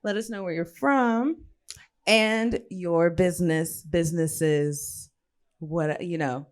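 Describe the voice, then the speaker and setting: A woman moderating a live panel at an event, talking casually and upbeat with a handheld mic. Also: on the low side. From Los Angeles. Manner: casual, upbeat, quick asides. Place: event venue. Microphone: handheld mic passed around.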